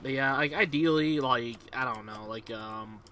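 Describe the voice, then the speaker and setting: A man's voice: mid-range voice, normal speed, sharp tone, slight background noise. A young man, casually commentating on his own gameplay in a rambling, upbeat way, full of fillers. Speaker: gaming video host.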